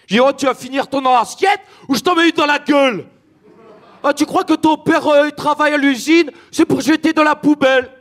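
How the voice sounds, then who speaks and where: A furious working-class father bellows coarse threats in a broad Ch'ti accent, played by a man. His voice is pushed high and loud. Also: fairly quick. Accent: Ch'ti (northern French). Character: angry northern French working-class father, shouting.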